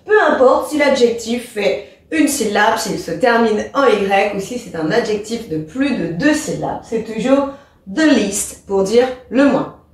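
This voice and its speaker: A woman with a French accent teaches grammar slowly and patiently, walking through each point step by step. Her voice sits a little high. It is recorded from some distance in a very echoey room. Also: expressive. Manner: clear, patient step-by-step explaining. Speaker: English teacher. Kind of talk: explaining a grammar lesson.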